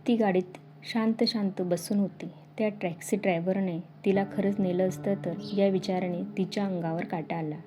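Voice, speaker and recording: A woman's voice: medium pitch, fairly even intonation, moderate pace, mellow. A woman reading a dramatic story aloud as a storyteller, voicing every character's lines herself. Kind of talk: scripted story narration. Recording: music bed under the voice.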